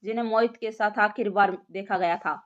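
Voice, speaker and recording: A woman's voice: mid-range voice, steady tone, brisk, close to an everyday voice. Woman voicing a mocking police sidekick. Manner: teasing, mocking. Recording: lo-fi muffled recording.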